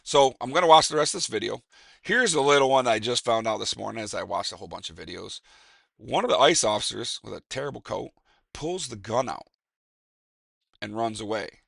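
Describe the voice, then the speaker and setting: A man's voice: medium pitch, gravelly, a bit bright, dry recording, studio quality. A man giving a rambling, emphatic casual opinion monologue, with restarts and fillers. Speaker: commentator.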